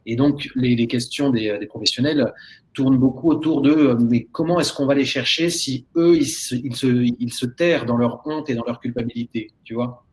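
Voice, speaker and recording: A man moderating a webinar, passing on audience questions in a relaxed, informal way with some hesitations. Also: medium pitch, normal speed.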